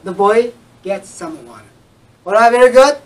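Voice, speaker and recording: Teacher, recorded lesson, patient, slow repetition of examples, mid pitch, a bit far from the mic. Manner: patient, repeats words and example sentences slowly. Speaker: English teacher.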